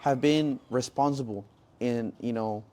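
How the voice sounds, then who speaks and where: A man's voice: medium pitch, measured pace, darkish tone. A man co-hosting a podcast in casual chat, rambling with lots of "bro" and "like". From Mexican-American family. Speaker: podcast co-host.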